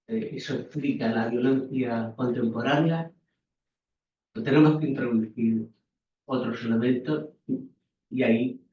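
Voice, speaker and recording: A professor asking a long question in an academic seminar, halting and full of fillers. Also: male voice, mid-range voice. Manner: slow, halting, with many fillers. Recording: far from mic in a very echoey room, dull, faint noise.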